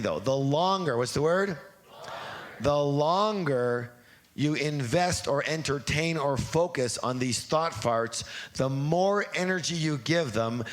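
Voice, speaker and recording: Animated man leading a live seminar. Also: on the high side. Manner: animated, rambling, acts out his inner voice; leads call-and-response chants. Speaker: seminar trainer. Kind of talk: live seminar talk to an audience.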